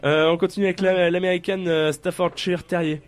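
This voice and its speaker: Deadpan joking male radio host. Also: high voice, a little fast. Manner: deadpan absurd jokes, frequent "euh" fillers. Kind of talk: casual radio chat, reading a list.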